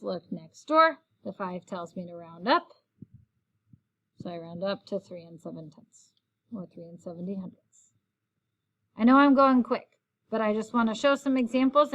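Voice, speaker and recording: A woman's voice: mid-range voice, dull audio. A woman teacher walking through a recorded math lesson, explaining each step in a friendly, patient way.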